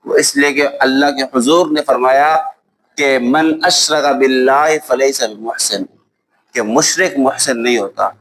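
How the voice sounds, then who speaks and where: A man with a Pakistani Urdu accent teaching a lesson on Islamic law. He recites Arabic texts slowly, then explains them with examples and often checks that students follow. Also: medium pitch, fairly even intonation, a bit bright, slight background noise, low-quality recording. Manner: explains with worked examples and asks "ٹھیک ہے؟" to check understanding. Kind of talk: classroom lecture.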